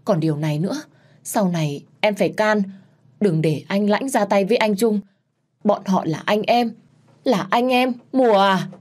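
A woman voicing the spirit of a gentle dead woman, who speaks in a pleading, tearful way. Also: fairly low pitch, expressive, moderate pace, husky.

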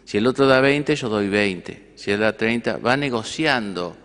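A man's voice: fairly low pitch, measured pace, fairly bright tone, in a large hall. A male priest with an Argentine accent giving a conversational sermon, often asking rhetorical questions. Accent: Argentine Spanish. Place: church.

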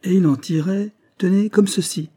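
A man's voice: medium pitch, normal speed, warm tone, breathy edge. A man voicing an emphatic male investigator who lays out the truth of a crime, his voice raised and pressing. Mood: probing. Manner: emphatic, probing, raised and tense. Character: sharp, insistent male investigator unveiling a crime.

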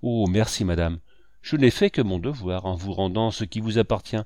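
A man's voice: lowish voice, moderate pace, a little mellow, no echo, studio quality, close to an everyday voice. A man voicing a poor, honest young mother who speaks humbly in a storybook reading. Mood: grateful. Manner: humble, pleading.

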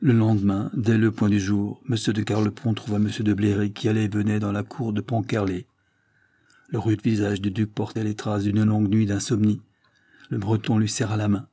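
Husky, dark-toned male narrator. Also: lowish voice, monotone, normal speed, no echo, clean studio sound. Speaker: audiobook narrator. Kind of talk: literary audiobook narration.

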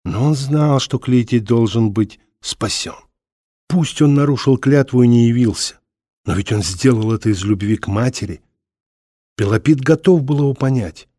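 Male audiobook narrator, measured and dramatic, mid voice, dry close mic. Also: mid-range voice, dark tone, no room sound. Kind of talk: scripted narration.

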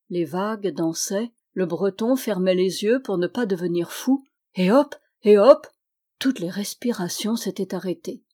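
A woman reads a historical novel aloud as scripted audiobook narration, keeping a steady delivery. Her voice sits at a middling pitch, and she reads in a lively way, lifting it higher and louder for the villagers' lines.

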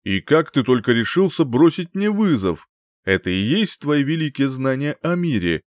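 A man playing a calm, wise old singer-sorcerer who speaks slowly and with quiet scorn. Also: mid-range voice, no echo, studio quality, pitched above the performer's own voice, close to an everyday voice. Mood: mocking. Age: older. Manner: slow, measured, scornful.

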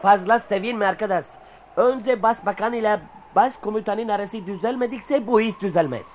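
An actor playing a grumbling, cynical old-world soldier in a radio play, talking in a colloquial way. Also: male voice, high voice, moderate pace, a little hiss or hum, natural voice. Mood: fed up. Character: grumbling, cynical Byzantine soldier who admires the enemy.

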